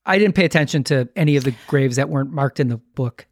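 Male host, casual interview, wry jokey remarks, mid pitch, dry close mic. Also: fast talker, no room sound.

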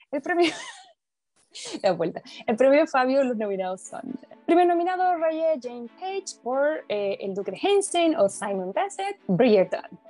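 A woman's voice: medium pitch, darkish tone. A Chilean woman co-hosting an award-style podcast segment, chatty and playful with frequent giggles. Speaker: podcast co-host. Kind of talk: casual chat.

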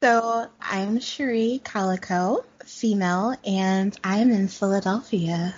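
A woman's voice: mid-range voice, slow pace, a little mellow, highs cut off. A woman in her late twenties co-hosting a podcast, playful and dramatic in casual chat. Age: 20s. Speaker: podcast co-host.

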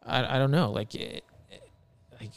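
A man's voice: medium pitch, normal speed, vocal fry, no room sound. Man, casual podcast chat, rambling and profane, earnest, dry close sound. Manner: rambling, profane, lots of filler words; earnest and emphatic. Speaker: podcast guest telling a paranormal story.

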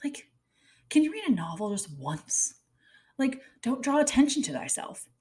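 A woman's voice: high-pitched, sing-song, normal speed, darkish tone. A woman in her thirties from Kansas City, telling stories in a rambling, chatty monologue full of "like.". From Kansas City, Kansas, USA. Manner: rambling, chatty, heavy use of "like". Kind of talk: casual comedic monologue.

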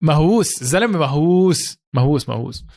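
A man's voice: on the high side, animated, a little fast, a little mellow. A man with a Levantine Arabic accent co-hosting a football podcast, telling stories in casual colloquial chat and repeating phrases for emphasis.

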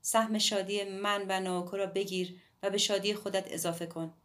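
A woman voicing a warm, frank middle-aged woman musician in an audiobook, speaking tenderly and earnestly. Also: mid-range voice, level tone, lightly acted. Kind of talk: audiobook dialogue.

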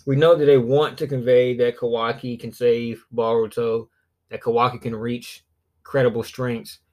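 A man's voice: mid-range voice, level tone, moderate pace, darkish tone. Southern-accented Alabama man podcasting casually. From southern Alabama, United States. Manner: rambling, profane, conversational. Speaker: podcast host. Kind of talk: casual solo podcast commentary.

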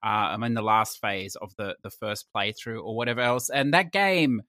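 A man's voice: lowish voice, normal speed, bright, forceful tone, no room sound, clean studio sound. A man co-hosting a casual gaming podcast, easygoing and hedging with "you know" and "sort of". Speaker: podcast co-host.

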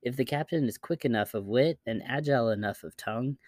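A man hosts a podcast, narrating from written articles. His voice sits at an average pitch for a man. The sound is dry, with hardly any room around it. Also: brisk, darkish tone, no room sound. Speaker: podcast host. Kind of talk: scripted narration, reading articles aloud.

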